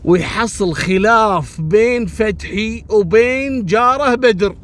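A man's voice: sits high, slow, a bit bright. Man telling a story casually. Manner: conversational, addresses listeners directly.

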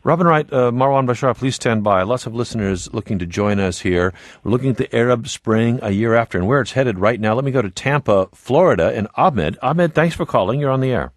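A man hosting a radio call-in show, steady and composed as he introduces guests and takes callers on the air. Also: mid-range voice, a little fast, dry recording, clean studio sound. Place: radio studio.

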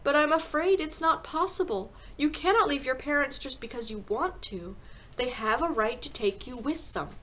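A woman voicing a kind, calm schoolteacher in a storybook, speaking in a gentle, measured and frank way. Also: high voice, pitched above the performer's own voice. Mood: gentle, tender.

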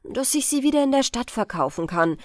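Brief: harsh scolding mother, read by a woman, loud, brusque, storybook. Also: high-pitched, very animated, fairly quick, dry recording.

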